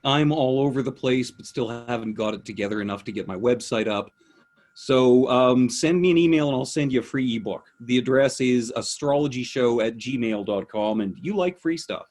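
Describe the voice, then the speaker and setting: Canadian guy guesting on a radio show, dry jokes, mid pitch. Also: moderate pace, a little mellow. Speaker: guest astrologer. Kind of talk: casual talk radio chat.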